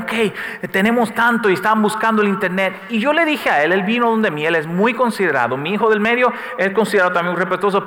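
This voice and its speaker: A middle-aged man preaching a sermon as pastor. He tells stories, swells to loud calls and drops to soft asides. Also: sits high. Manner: preaching with sudden rises and soft dips, storytelling asides. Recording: echoey hall, faint room noise.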